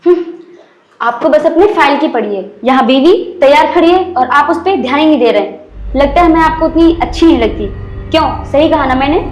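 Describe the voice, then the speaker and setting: A woman's voice: high voice, a little fast, reverberant, close to an everyday voice. A woman playing a lonely young wife who pleads for her husband's attention. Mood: pleading. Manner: pleading, sulky.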